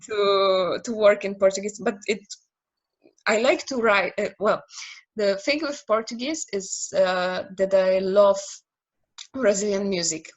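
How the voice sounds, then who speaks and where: A Polish-accented woman in her thirties, speaking English as a second language, is a naming specialist appearing as a guest in a casual video-call interview. Her medium-pitched voice is unhurried, hesitant, and full of fillers and restarts. The audio sounds dull.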